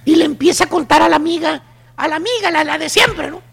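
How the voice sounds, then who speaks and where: A man's voice: very high voice, quick pace, creaky, a bit bright. A man with a Mexican accent hosting a radio show, telling a comedic story in a slangy, teasing, emphatic way. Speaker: radio host.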